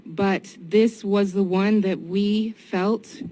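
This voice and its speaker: A woman giving public comment and answering questions, sincere and somewhat halting. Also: medium pitch, fairly even intonation. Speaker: citizen giving public comment at a county meeting. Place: indoor public meeting room. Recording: noisy meeting room ambience.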